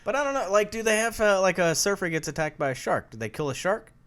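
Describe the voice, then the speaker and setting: A man's voice: high-pitched, expressive, quick pace, a bit bright, slight background noise. Guy on a podcast joking around, voice bouncing all over, slangy. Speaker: podcast co-host. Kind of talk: casual chat.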